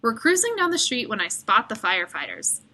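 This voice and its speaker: Reading a children's picture book out loud, this woman tells the story expressively. Her voice runs a little high and her delivery a little fast.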